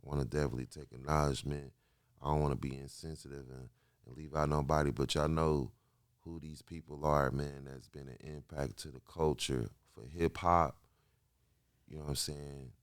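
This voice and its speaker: A man in his late thirties from Kansas City, a musician guest telling stories in a slangy, animated way. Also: extremely low pitch, moderate pace, no echo, clean studio sound. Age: 30s. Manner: slangy, repetitive, animated storytelling. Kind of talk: casual interview chat.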